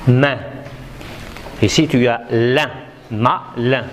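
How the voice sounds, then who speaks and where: A woman's voice: extremely low pitch, steady tone, very slow, slight background noise. A woman teaching a classroom reading lesson, patiently drilling syllables and correcting young pupils. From Morocco. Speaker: primary school teacher.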